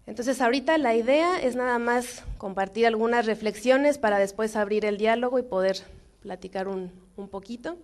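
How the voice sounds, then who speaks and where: Young woman, Mexican accent, measured forum talk, frequent fillers. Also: mid-range voice. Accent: Mexican Spanish. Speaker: invited speaker at a forum. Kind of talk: informal talk to an audience.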